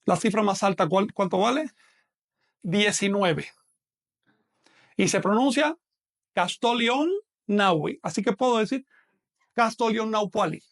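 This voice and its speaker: Gravelly man teaching an online class. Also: sits high, a little slow, long pauses. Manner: patient explaining, asks questions of the student.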